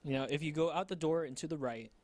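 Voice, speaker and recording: A young man co-hosting a casual student TV chat, speaking into a handheld microphone with dry, deadpan asides. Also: on the high side, fast talker. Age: young adult. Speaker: co-host. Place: college TV studio.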